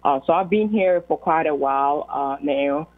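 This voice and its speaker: Over a tinny phone line, a young Ghanaian woman with a Ghanaian accent speaks as a guest accountant on a call-in radio talk show. Her voice is low-pitched and her pace moderate. She sounds earnest and uses lots of fillers.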